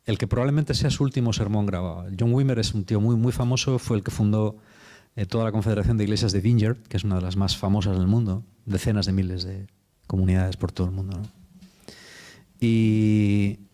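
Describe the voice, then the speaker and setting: Male preacher, Spain Spanish accent, lowish dark voice, chatty informal sermon delivery. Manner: informal, chatty storytelling with slang. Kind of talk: conversational sermon.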